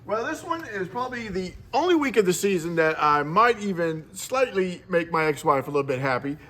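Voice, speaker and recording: A man co-hosting a casual football chat, rambling with halting restarts as he gives his picks. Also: high voice, very animated, sharp tone. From Florida. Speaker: co-host.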